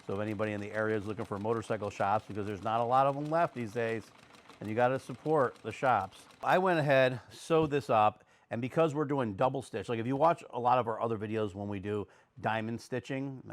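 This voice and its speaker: A man, a little hoarse from illness, rambling casually about his custom motorcycle seat work. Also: medium pitch, brisk. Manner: rambling, conversational, lots of fillers. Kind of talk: casual workshop vlog talk.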